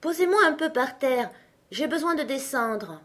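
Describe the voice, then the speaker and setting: A woman's voice: high voice, animated, normal speed, pitched above the performer's own voice. A woman voicing a tiny, clever peasant boy with an eager, cheeky way of talking, in a storybook reading. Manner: bright, eager, mocking.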